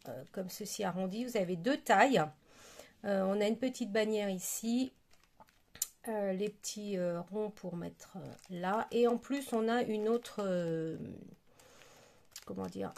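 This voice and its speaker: A woman's voice: medium pitch, creaky, darkish tone. A woman casually presenting craft products she received, chatty and hesitant, with frequent fillers.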